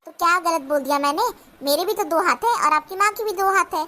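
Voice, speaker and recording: Cartoon daughter-in-law, very high bright voice, argues back, voiced by a woman. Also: brisk. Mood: defiant. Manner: retorting, argumentative. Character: young daughter-in-law, sharp-tongued, defiant. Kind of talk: cartoon voice acting.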